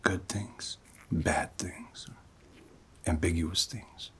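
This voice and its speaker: A man voicing an older, cocky, goofy devil hunter boss in a soft-spoken, breathy ASMR roleplay, with slow, mock-pompous delivery. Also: low voice, fairly even intonation, exaggerated voice. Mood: self-important. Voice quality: breathy, half-whispered.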